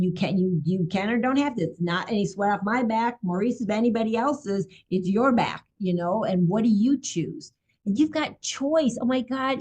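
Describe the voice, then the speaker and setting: A woman's voice: medium pitch, dark tone. An older woman hosting a casual talk show, effusive and exclamatory, often breaking out in delight. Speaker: podcast host. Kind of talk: casual conversation.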